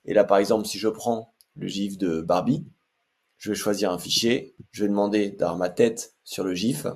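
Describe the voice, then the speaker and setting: A man's voice: lowish voice, steady tone, normal speed, creaky, husky. A man hosting a casual screen-share tutorial, chatty and hesitant with frequent fillers. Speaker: tech tutorial host.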